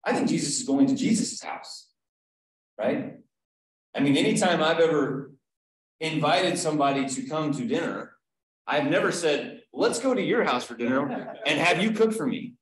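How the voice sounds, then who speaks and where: A man's voice: a little high, lively intonation, moderate pace. Man, Bible study teacher, conversational, quizzes group, video call, very echoey room. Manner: conversational, asks the group questions, frequent "right?".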